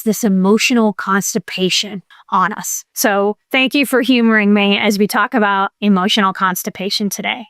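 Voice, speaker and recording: A woman's voice: fairly high pitch, fairly bright tone, dry recording, clean studio sound. A woman hosting a podcast as an emotional coach, talking in a playful, earnest and folksy way. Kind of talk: conversational podcast monologue.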